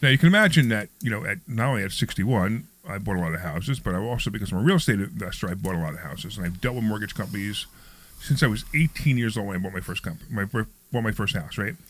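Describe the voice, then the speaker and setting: A man's voice: lowish voice, animated, brisk, fairly bright tone. A man in his sixties hosting a radio talk show, chatting casually, rambling with frequent restarts. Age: 60s.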